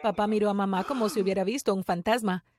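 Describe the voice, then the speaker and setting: A woman narrating a first-person story with a breathless, excitable delivery. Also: medium pitch, fast, no echo, clean studio sound.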